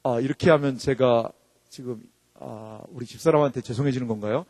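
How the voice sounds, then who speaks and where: A man in his forties, an associate pastor, preaches emphatically in a church sanctuary, putting rhetorical questions to the congregation. His medium-pitched voice is brisk and darkish, carried by the long reverb of the church hall.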